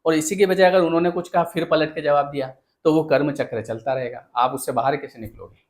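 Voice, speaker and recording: A man with a fairly high speaking voice gives an earnest motivational talk. He keeps asking rhetorical questions and speaks straight to his listeners. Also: steady tone, brisk.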